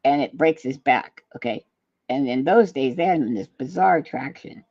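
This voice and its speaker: A man's voice: medium pitch, normal speed, darkish tone, dry recording, highs cut off. Man telling rambling jokey stories. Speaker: podcast co-host. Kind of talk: casual banter.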